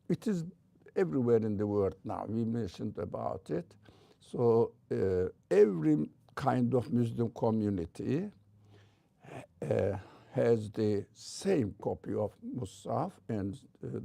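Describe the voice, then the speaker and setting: An older man from Turkey with a heavy Turkish accent gives an informal religious lecture as a teacher, speaking haltingly with frequent pauses. His medium-pitched voice is creaky and dark-toned, and there's no echo.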